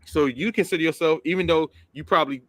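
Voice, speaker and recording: A man with a bright, forceful voice, pitched a little high, who keeps circling back to his question in a casual debate. The sound is dry and close, with no room around it. He talks like a host steering the chat. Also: quick pace, dry recording. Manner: persistent, probing questions, says "bro". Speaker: podcast host.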